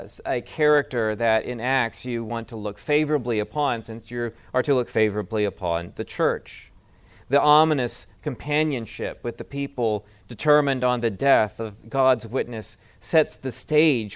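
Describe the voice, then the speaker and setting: A man preaching a sermon, reading scripture and expounding it in a measured, thoughtful way with pauses and fillers, growing more emphatic as he explains the text. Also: lowish voice, smooth. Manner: grows more emphatic and lifts his voice when expounding scripture.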